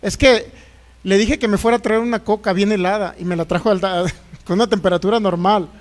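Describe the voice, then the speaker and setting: A man's voice: high-pitched, steady tone, brisk. A middle-aged man with a Jalisco Mexican accent, preaching a sermon as pastor, jokey and folksy, firing rhetorical questions.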